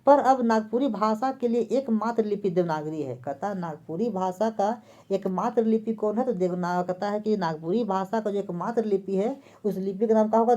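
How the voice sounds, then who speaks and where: A woman teacher leads an exam-prep lesson in which she poses a question, answers it herself, and repeats the key terms. Her voice is medium-pitched and warm, captured in a dull lo-fi recording.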